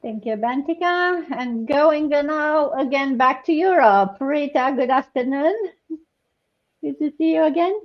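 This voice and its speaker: A woman from Romania hosting a live online panel chat, talking warmly with many fillers and restarts. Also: sits high, measured pace, highs cut off. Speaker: host.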